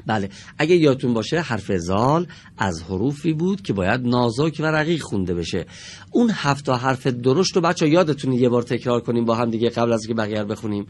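A man teaching a televised reading lesson to children in a studio, patiently and slowly sounding out each word for his pupils. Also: medium pitch, lively intonation, a little mellow, a little hiss or hum.

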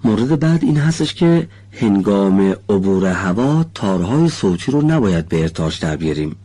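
A man teaching the correct pronunciation of letters for Quran recitation in a studio lesson. He talks slowly and deliberately, models sounds carefully, and gives students polite encouragement. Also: lowish voice, big pitch swings, warm tone, husky. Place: recording studio.

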